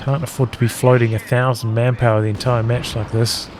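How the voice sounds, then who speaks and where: A man's voice: medium pitch, flat delivery, brisk, noisy background. A man giving live play-by-play commentary on a strategy game in clipped, fragmentary running remarks. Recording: loud game gunfire and explosions behind. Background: video game artillery, gunfire and vehicle sounds.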